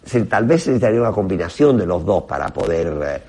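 Gravelly, low-voiced man speaking Spanish. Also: very animated, darkish tone. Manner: halting, groping for words in Spanish. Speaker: professor, interview guest. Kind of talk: interview answers, explanatory.

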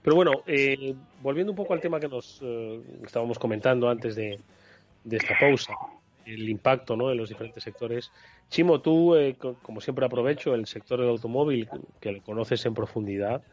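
A man's voice: mid-range voice, moderate pace, lo-fi sound. A man hosting a radio panel discussion, putting questions to his guests with many fillers. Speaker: radio show host.

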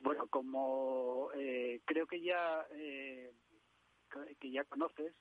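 A man's voice: medium pitch, steady tone, drawn-out words. A man speaking as a radio phone-in guest, hesitant with many fillers, holding the phone too far away so he sounds faint and distant. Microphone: telephone. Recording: tinny dry phone line.

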